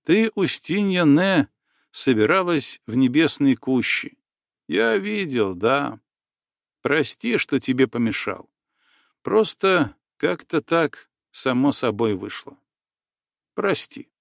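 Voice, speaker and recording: A man's voice: on the high side, very animated, slow, creaky, dry recording, clean studio sound, full character voice. A man voicing an eager young forest boy. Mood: earnest. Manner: gentle, tacks on "да" often.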